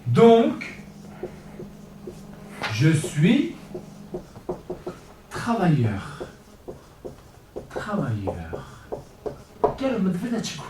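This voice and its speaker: A man giving an informal French lesson, repeating phrases slowly and mixing in Persian. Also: high-pitched, huge pitch swings. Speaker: French teacher. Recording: roomy, distant mic with faint noise.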